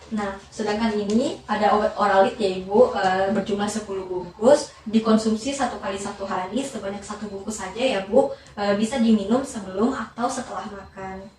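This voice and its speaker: A woman's voice: medium pitch, fairly quick, a little mellow. A young woman speaking in a polite, somewhat hesitant customer service voice, in a rehearsed counseling role-play. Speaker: pharmacist and patient's mother in a counseling role-play. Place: echoey indoor room, away from the mic. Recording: very echoey room, distant mic, faint noise.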